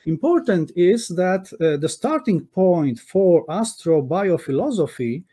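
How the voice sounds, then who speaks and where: Measured, dark-voiced man giving an academic talk. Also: high voice, very animated, breathy edge. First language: Polish. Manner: measured, with frequent "uh" pauses and self-corrections. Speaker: conference speaker. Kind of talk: academic lecture over slides. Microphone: webcam on a video call.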